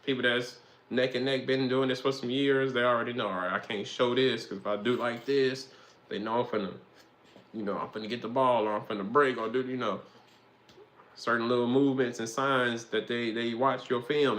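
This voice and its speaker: A man's voice: mid-range voice, fairly even intonation, a little fast, fairly bright tone. Slangy man rambling about football. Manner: rambling, slangy, swears freely. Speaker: host. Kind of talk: casual football commentary monologue.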